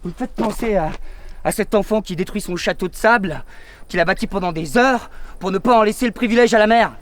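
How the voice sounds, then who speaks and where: An actor playing a loyal, exasperated squire in a theatrical, declamatory, hammy stage manner. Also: male voice, sits high, a little fast, a little hiss or hum, lightly acted. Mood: indignant, rousing. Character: loyal, exasperated squire Sancho, pleading with his master. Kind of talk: theatrical stage dialogue in French.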